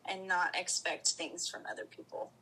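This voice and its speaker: A woman as a coaching client, answering questions and repeating an affirmation in slow, deliberate phrases. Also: on the low side, little pitch movement, pushed and bright, a little hiss or hum, rough recording.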